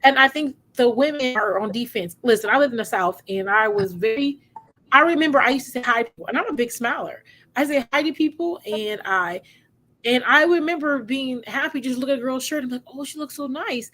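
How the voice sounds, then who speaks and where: An American woman co-hosting a podcast, chatty and quick, often laughing through her words. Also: sits high, expressive, a bit bright. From United States. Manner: chatty, quick bursts, laughs while talking. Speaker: podcast co-host. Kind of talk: casual chat.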